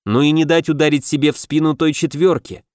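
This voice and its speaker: A man narrating a first-person fantasy audiobook in a brisk, lively storytelling manner. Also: on the high side, smooth, no room sound, clean studio sound.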